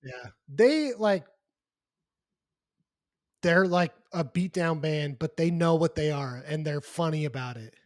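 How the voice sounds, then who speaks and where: Earnest rambling man, higher voice. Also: expressive, slow, pauses often, no room sound, studio quality. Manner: rambling, earnest, says "dude" and "like" often. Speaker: podcast co-host. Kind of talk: casual chat.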